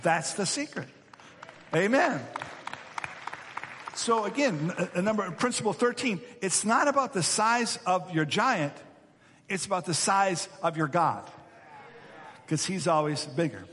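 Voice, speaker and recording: A man preaching a sermon as pastor, animated and emphatic, often repeating his words. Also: high voice, measured pace, pauses often, long reverb tail, a little hiss or hum.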